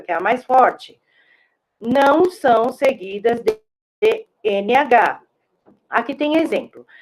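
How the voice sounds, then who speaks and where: A woman teacher, giving a remote classroom lesson and explaining slowly and patiently, often checking in with her class. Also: a little high, low-quality recording.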